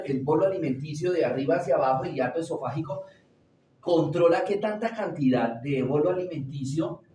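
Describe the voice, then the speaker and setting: Male teacher, slightly high voice, quizzing his class, recorded far off in a roomy classroom. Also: darkish tone, a little hiss or hum. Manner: asks the class questions and answers them himself. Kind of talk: classroom lecture. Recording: roomy echo, distant from the mic.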